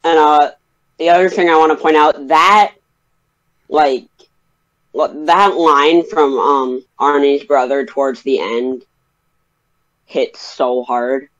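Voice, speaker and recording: A man's voice: on the high side, fairly even intonation, takes it slowly, pauses often, a bit bright. A young man co-hosting a casual rewatch podcast, speaking earnestly and with emphasis. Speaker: podcast co-host. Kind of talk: casual chat. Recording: dull lo-fi mic.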